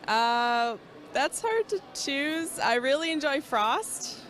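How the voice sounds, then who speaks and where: A woman's voice: high voice, very animated, slow pace, fairly bright tone, slight background noise. A woman fan from Toronto, Canada, answering interview questions in a hesitant, giggly way.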